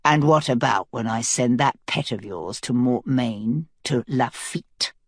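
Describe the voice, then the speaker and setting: A grim man of arms speaks very low, almost in a whisper, as a woman puts him on. He stays toneless and menacing, dry and close in an audiobook. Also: a little slow, no echo, full character voice. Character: grim male guard captain, menacing.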